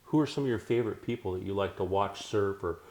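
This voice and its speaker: Man, low voice, interviewer, casual friendly questions. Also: fast talker, darkish tone. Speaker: interviewer, host.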